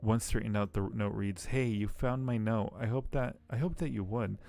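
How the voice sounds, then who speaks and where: A man with a low-ish, creaky, warm voice streams a point-and-click game at normal speed. He plays casually, thinking aloud and reading the on-screen text to his viewers.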